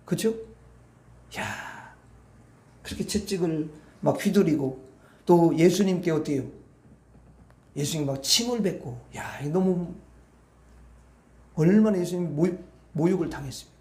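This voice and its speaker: High-voiced man preaching conversationally. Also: measured pace, long pauses, darkish tone, echoey room. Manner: conversational, keeps asking the congregation to agree. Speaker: pastor. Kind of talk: sermon. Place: church sanctuary.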